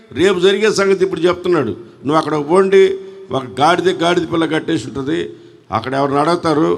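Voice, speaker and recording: A man's voice: a little high, vocal fry, in a large hall. A man with a Telugu accent preaching a sermon at a church service, fervently calling on the congregation to respond. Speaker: pastor.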